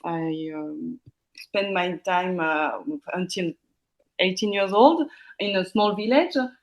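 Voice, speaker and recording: A woman's voice: lowish voice, takes it slowly. A woman with a French accent, a gallery co-founder talking in a casual interview, hesitant and searching for words. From northern France.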